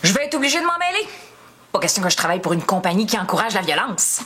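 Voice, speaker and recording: A woman's voice: mid-range voice, sing-song, quick pace, fairly bright tone, a little hiss or hum. An actress playing a headstrong, hot-tempered young activist woman with an emphatic, dramatic delivery in a TV sitcom. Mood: indignant, defiant. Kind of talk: TV sitcom acting.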